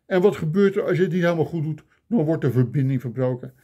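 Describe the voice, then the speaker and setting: Recording on his phone, this older vlogger launches into a mock-outraged comic monologue full of grumbles. He talks quickly in a fairly high, mellow, husky voice.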